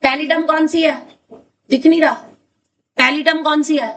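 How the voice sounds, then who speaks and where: High-pitched lady math teacher firing questions at kids by name, sounds a bit far from the mic, faint hiss. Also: fairly even intonation, a bit bright. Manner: brisk, repeats questions, calls on students by name. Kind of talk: classroom teaching, questioning students. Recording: distant mic with faint noise.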